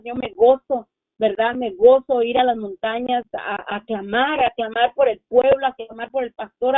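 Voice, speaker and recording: A woman's voice: on the high side, no room sound. A middle-aged woman giving a fervent religious testimony, speaking straight to her listeners as sisters. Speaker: church member giving testimony. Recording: tinny dry phone-line sound.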